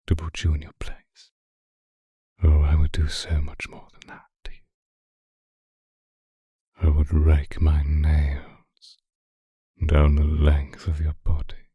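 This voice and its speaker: In an intimate ASMR roleplay, a man plays a seductive male vampire stalker, obsessive and predatory, using a very deep, breathy, husky voice and often whispering. He speaks slowly and deliberately in hushed, formal wording, fully in character, close to the mic with a dry, echo-free sound.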